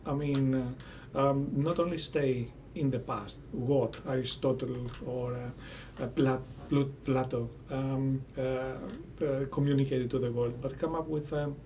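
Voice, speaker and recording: A man from Greece with a Greek accent, answering as an academic in an interview, deliberate and often searching for words. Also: medium pitch, fairly even intonation, mellow. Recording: distant mic with faint background noise.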